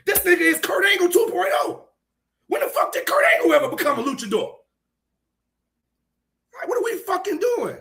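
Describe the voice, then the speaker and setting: Loud, profane man ranting on a podcast. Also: very high-pitched, big pitch swings, a little fast, vocal fry, long pauses. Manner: heated, profane ranting, often shouting; laughs between points. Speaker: podcast co-host. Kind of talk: casual chat.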